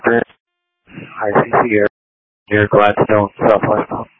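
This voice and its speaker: A man calling in terse position check-ins over a radio channel, in flat clipped callouts. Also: on the low side, takes it slowly, no echo. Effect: radio transmission. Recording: tinny band-limited radio channel.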